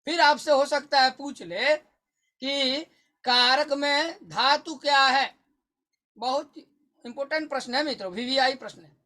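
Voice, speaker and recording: A man teaching an online exam-prep lesson, repeating key points to his listeners and slowly chanting verses in a sing-song way. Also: extremely high pitch, bright, forceful tone. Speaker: Sanskrit teacher.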